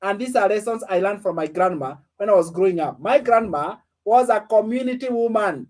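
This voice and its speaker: A man's voice: high-pitched, brisk, darkish tone. A man in his late twenties giving a motivational business lesson, asking his listeners questions and repeating phrases for emphasis. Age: 20s. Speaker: online business coach. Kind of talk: motivational teaching.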